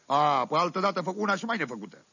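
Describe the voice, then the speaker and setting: In a 1970s radio comedy monologue, an actor plays a folksy middle-aged Oltenian villager spinning amused, rambling tales in a thick Oltenian accent. His fully in-character male voice sits on the high side and is animated, creaky, bright and forceful with a breathy edge. The dry, dull sound comes from a 1978 vinyl radio recording.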